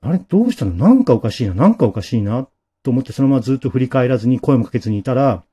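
A spooked young man tells of his scare in a hushed, uneasy voice, as a male storyteller puts him on. The tone is mellow and slightly husky, with pitch that rises and falls freely. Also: very animated, very fast.

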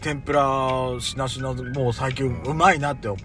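A man's voice: mid-range voice, steady tone, normal speed, a bit bright, soft background music. A man chatting casually about food as a podcast co-host, talkative and emphatic, with feminine-style colloquial phrasing.

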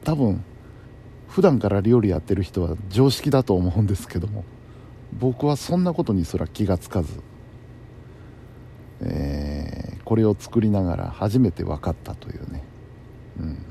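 A man's voice: sits low, expressive, normal speed, vocal fry, long pauses, warm tone. A man chatting casually and alone as the host of a bedtime talk show, musing to himself in a polite, conversational way. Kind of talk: casual solo chat. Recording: faint background noise.

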